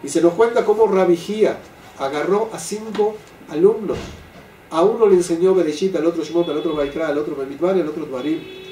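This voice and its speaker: An older man leading a Torah class for a live group, often checking in with "¿sí?" and slowing down to stress key phrases. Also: on the high side, mellow. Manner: keeps asking "¿sí?" to his listeners. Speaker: Torah teacher. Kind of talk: religious class lecture. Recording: echoey room, voice from a distant mic, faint background noise.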